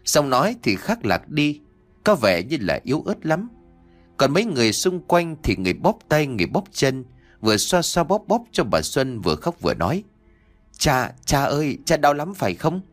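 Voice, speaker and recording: A man narrating a ghost story in an expressive storytelling manner. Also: mid-range voice, normal speed. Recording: faint background music.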